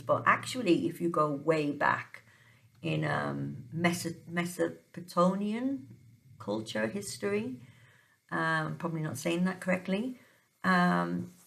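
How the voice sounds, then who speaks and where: Slow gravelly woman, lots of ums, low-ish voice, just chatting at home. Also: a bit bright. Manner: hesitant, many ums and restarts. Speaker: tarot reader sharing dream interpretations. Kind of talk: casual monologue. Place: home, dog nearby.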